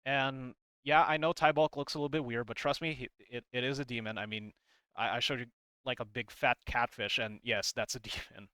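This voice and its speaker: A man with a mid-range, clear and resonant voice talks a little fast with fairly even intonation and a sharp tone, and there's no echo. He hosts a casual breakdown of game lore, commenting on a comic informally and hesitantly, rambling through explanations and sometimes reading passages aloud.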